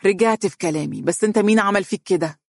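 A nervous young wife speaking Egyptian Arabic in a tight, high, hurried voice, as a male narrator puts her on. She sounds frightened and tense throughout. The recording is dry and close. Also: gravelly, dry recording. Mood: anxious.

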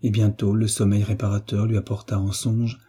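A man reading a novel aloud as an audiobook narrator, gentle and measured, lifting his voice slightly for the characters. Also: lowish voice, little pitch movement, breathy edge. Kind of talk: scripted narration.

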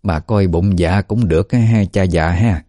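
A man's voice: low voice, measured pace, dark tone, dry recording, studio quality. A man putting on a sly old village wife. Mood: teasing bossy.

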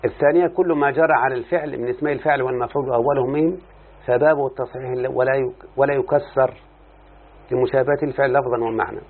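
Talking fast in a steady, mid-range tone, a male teacher walks through a text in an Arabic morphology class. He regularly breaks off to ask his listener questions and speak to them. The sound is muffled and phone-like.

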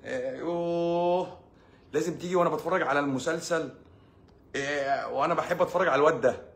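A man's voice: fast, natural voice. A man with an Egyptian accent putting on the voice of a sulky, complaining wife. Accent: Egyptian Arabic. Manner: whiny, higher-pitched mimicry.

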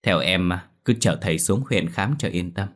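A man's voice: sits low, moderate pace, lightly acted. A man voicing a grown daughter who talks in a scolding, reproachful way.

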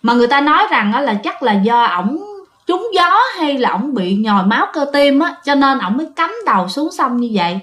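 A woman's voice: high-pitched, lively intonation, fairly quick, fairly bright tone. A woman telling a ghost story in a chatty way, often talking straight to her listeners. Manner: chatty, addresses listeners directly. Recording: roomy echo.

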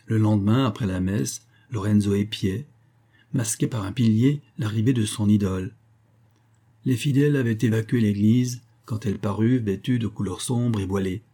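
Male audiobook narrator, dark mellow tone, steady dramatic reading. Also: lowish voice, moderate pace.

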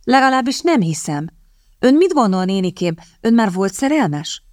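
A woman's voice: on the high side, sing-song, a little mellow, no echo, studio quality, voice pushed up. A woman voicing an earnest, tender-hearted romantic girl in an audiobook. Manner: earnest, wistful.

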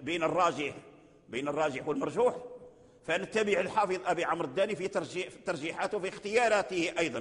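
A man gives a Quran recitation lesson in a somewhat high voice. He draws out verses and lines of poetry slowly and repeats phrases as he explains. A long hall reverb trails behind every word. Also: fairly bright tone. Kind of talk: religious lecture.

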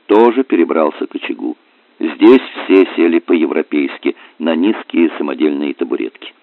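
A male audiobook narrator with a very deep voice, reading an adventure novel in a measured, even way. The recording is bone-dry and squeezed into a narrow band, like a telephone line. It is close and plain, with no room sound. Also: dry recording.

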